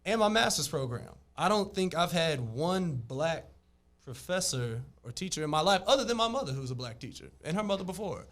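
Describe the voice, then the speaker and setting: A man's voice: fairly high pitch, sing-song, brisk, a bit bright. A young man from Texas, earnestly telling his own story in a casual podcast chat. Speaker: podcast co-host.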